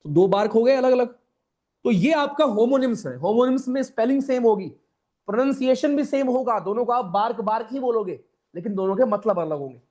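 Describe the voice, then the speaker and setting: A man's voice: very high voice, a little fast, warm tone. A young man with a Hindi accent teaching an online class, chatty and informal, repeating key points and checking in with students. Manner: chatty, addresses students as brothers and friends; repeats key points, asks "right?" often.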